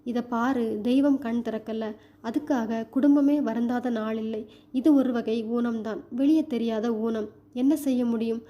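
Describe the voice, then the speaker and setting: A woman's voice: on the high side, fairly even intonation, measured pace, dull audio, natural voice. A woman voicing a worried mother who talks in a firm, coaxing way.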